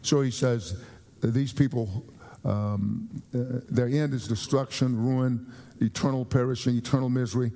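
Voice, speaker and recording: A man from the United States preaches a sermon in an earnest voice. His tone is dark and mellow, and he often repeats and restarts phrases and slows down for emphasis. The sound carries a long reverb from a church sanctuary. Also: mid-range voice, steady tone.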